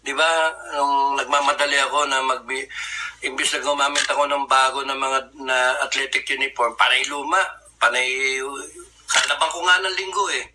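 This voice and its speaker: A Filipino man tells an old story in a loose, chatty way, laughing along and slipping into the voices of the people he quotes. His tone is very bright and forceful, with a faint hiss of background noise. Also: medium pitch, steady tone, moderate pace, rough recording. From Philippines. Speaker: guest recounting a survival story. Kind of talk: casual anecdotal storytelling.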